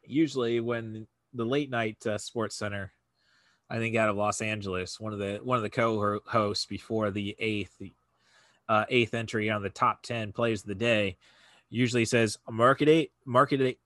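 A man chatting casually on a podcast, talking haltingly with many fillers and restarts. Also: lowish voice, flat delivery, a bit bright, dry recording.

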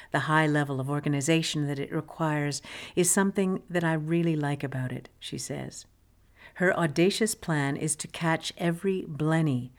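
A woman reading a first-person magazine essay aloud, dry and wry, slowing down for the punchlines. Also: sits low, a little mellow. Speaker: narrator. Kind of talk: scripted narration of a magazine essay.

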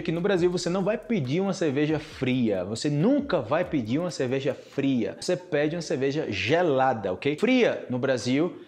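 A man's voice: a little high, darkish tone. A Brazilian man with a Brazilian Portuguese accent, a teacher giving a casual podcast lesson and explaining each point through many repeated examples.

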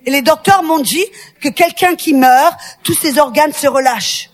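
A woman with a high, bright voice preaches, turning a personal story into fervent exhortation. She swells into shouted, half-sung climaxes and then drops low and quiet. She speaks straight to the women listening. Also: normal speed. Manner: addresses a women's audience directly. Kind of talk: sermon.

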